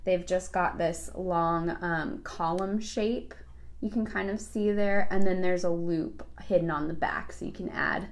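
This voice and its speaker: A woman's voice: lowish voice, steady tone, a little slow. A woman co-hosting a live beading show, chatting casually and gushing over each item with many fillers. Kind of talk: casual live product chat.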